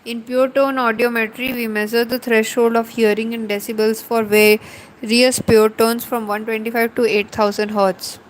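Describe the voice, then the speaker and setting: A woman with an Indian accent giving a slow, deliberate lecture, explaining terms one by one in a mix of Hindi and English. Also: on the high side, little pitch movement, a little hiss or hum, rough recording.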